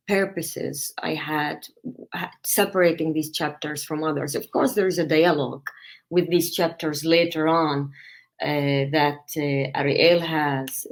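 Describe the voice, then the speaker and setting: A woman novelist, speaking hesitantly with many fillers in a recorded interview. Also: low-pitched. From Palestinian citizen of Israel. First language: Arabic.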